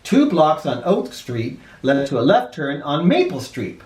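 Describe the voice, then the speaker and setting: A man hosts a children's storybook reading, giving it a theatrical, playful read-aloud with asides. His voice sits on the high side with a darkish tone, swinging hugely in pitch at a slightly slow pace. The recording has a roomy echo.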